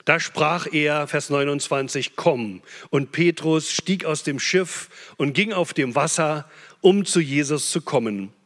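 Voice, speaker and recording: An impassioned male preacher delivering a sermon, rising to loud, urgent peaks and dropping to hushed, low phrases. His voice sits a little high for a man. Long reverb trails every line in a large church hall. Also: unhurried.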